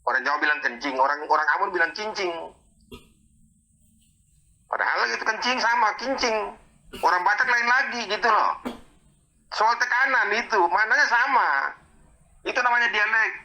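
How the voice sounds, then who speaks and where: A man's voice: high-pitched, fairly quick, pushed and bright, rough recording. A man explaining Arabic verses word by word in a heated religious debate, challenging and exasperated.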